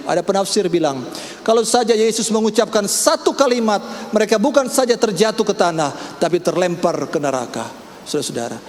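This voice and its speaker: A man preaching a sermon as pastor, breaking into loud, high-pitched exclamations. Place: large church hall. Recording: echoey church hall, faint room noise.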